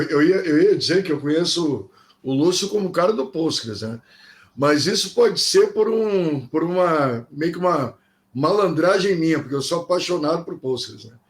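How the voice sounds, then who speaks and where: A man co-hosting an interview casually and enthusiastically. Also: on the high side. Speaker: co-host.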